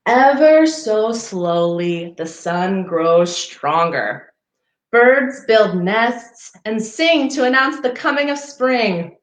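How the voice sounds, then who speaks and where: In an echoing, spacious room, a parks program's storybook reader goes through a children's picture book at a slow pace. Her mid-range voice carries lively intonation, and she reads with expression while chatting to the kids between lines.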